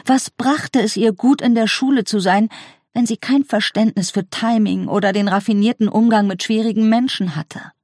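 A woman reading a novel aloud in a measured, calm manner as an audiobook narrator. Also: mid-range voice, dry recording, clean studio sound. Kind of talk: scripted narration.

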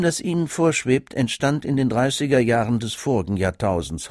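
A man's voice: medium pitch, a little mellow, no room sound, clean studio sound, lightly acted. A man voicing a brash young male student who works as a hired Santa, lecturing in a cheeky, matter-of-fact way.

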